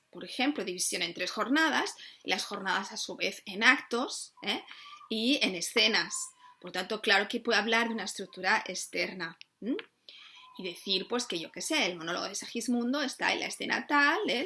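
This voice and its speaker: A woman's voice: medium pitch, sharp tone. A woman, a literature teacher giving an exam review lesson and checking in with "¿eh?" and "¿no?" often. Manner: explanatory, frequent tag questions and fillers.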